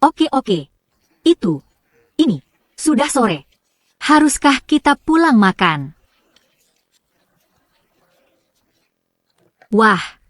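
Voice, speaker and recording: Woman voicing a spoiled, high, lively young manager. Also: slow, no echo, clean studio sound, full character voice. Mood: coaxing. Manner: petulant and demanding, then coaxing. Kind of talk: dubbed drama dialogue.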